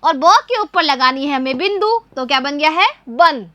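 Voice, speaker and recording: Woman teacher for young kids, high and bright, patient call-and-response, dry close recording. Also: animated, moderate pace, no echo. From India. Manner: patient, repeats questions and answers for young children. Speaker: primary school teacher. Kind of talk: children's Hindi writing lesson.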